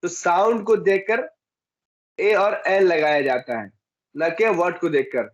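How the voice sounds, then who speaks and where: A man from India teaching an English lesson, who repeats example words slowly and asks and then answers his own questions. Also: sits high, muffled recording. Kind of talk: classroom lesson.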